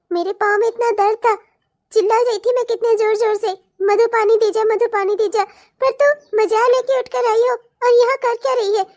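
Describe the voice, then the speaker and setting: Woman as frail elderly mother-in-law in a cartoon, very high voice, pleading. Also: darkish tone. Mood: scolding. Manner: pleading, calls out repeatedly. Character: frail old mother-in-law with aching legs. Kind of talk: cartoon voice acting.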